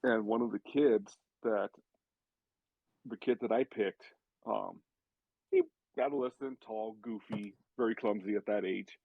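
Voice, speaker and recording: A man's voice: on the low side, a little slow, creaky, long pauses, dry recording. A man telling casual stories as a podcast guest, rambling with many restarts and filler words. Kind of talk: casual storytelling. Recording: tinny phone-like sound.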